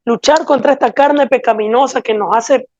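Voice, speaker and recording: Woman preacher, fairly high voice, earnest and pleading, dull dry recording. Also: moderate pace, darkish tone, no echo. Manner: earnest, pleading, asks rhetorical questions. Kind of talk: sermon.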